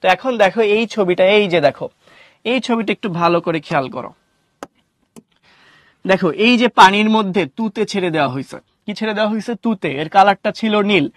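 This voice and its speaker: A young man teaching an online class in a Bangladeshi Bengali accent, with a fairly high voice, recorded close and dry with no room sound. He asks questions and answers them himself, drops English words into his sentences and answers student comments as he goes. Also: moderate pace, dry recording. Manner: reads out student comments and replies.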